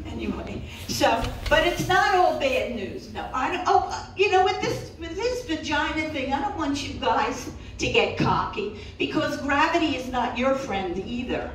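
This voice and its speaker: The stand-up comedian, an older woman, sounds high-pitched and animated as she works through a bawdy, self-deprecating routine with punchy delivery and drawn-out pauses. The live show is in a small indoor cat cafe room with an audience. Her handheld mic was captured by a camera out in the audience, so the recording is roomy, echoey, and distant, with some room noise.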